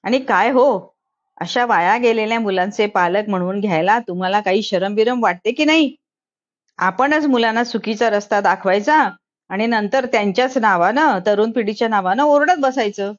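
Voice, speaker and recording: A woman's voice: medium pitch, normal speed, dull audio, lightly acted. A woman reading a storybook, voicing a stern police inspector who reproaches careless parents. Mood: scolding. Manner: lecturing, reproachful.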